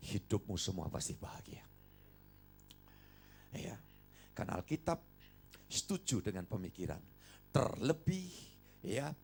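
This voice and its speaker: An older man preaching a sermon, animated and coaxing the congregation to respond. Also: a little high, gravelly, breathy edge. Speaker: pastor. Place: church service.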